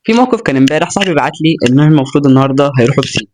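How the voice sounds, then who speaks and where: A man's voice: fairly high pitch, lively intonation, rapid-fire, background noise. A young man with an Egyptian accent giving casual motivational talk to camera, earnest and chatty, with joking asides. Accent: Egyptian Arabic. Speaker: self-improvement vlogger.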